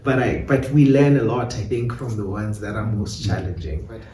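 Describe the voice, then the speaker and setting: A mellow South African man, a playwright and director, gives a reflective interview, moving between English and Xhosa. His voice is fairly low and his pace moderate. The recording sounds roomy, with a distant mic and faint background noise.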